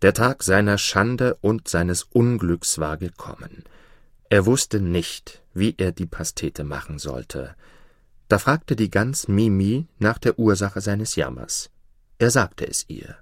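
Slow, expressive male fairy-tale reader. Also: fairly low pitch, dry recording, studio quality. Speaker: storyteller.

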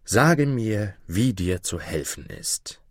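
A mountain spirit in the guise of a kindly townsman, as a man reads him, soft-spoken and comforting in a low register. His lines come from a storybook reading in a dry, close recording. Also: lively intonation, takes it slowly, dry recording. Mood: gentle. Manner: gentle, consoling.

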